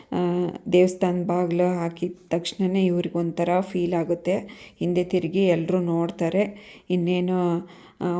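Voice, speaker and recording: A woman casually retelling the plot of a TV serial episode in a steady way. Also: fairly low pitch. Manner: monotone, steady retelling with fillers. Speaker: serial recap narrator.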